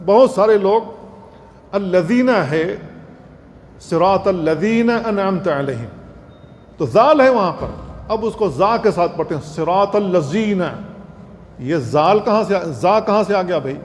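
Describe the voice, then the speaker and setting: High-voiced man giving a religious lecture. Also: lively intonation. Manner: earnest, instructive, repeats points, demonstrates recitation slowly. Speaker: Islamic scholar, lecturer. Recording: long hall reverb, faint noise.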